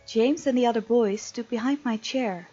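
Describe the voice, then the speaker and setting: In this visual novel let's play, the female host reads out the game text and comments as she goes, her voice mellow and fairly high at a moderate pace. The audio comes from a dull lo-fi mic with game music in the background.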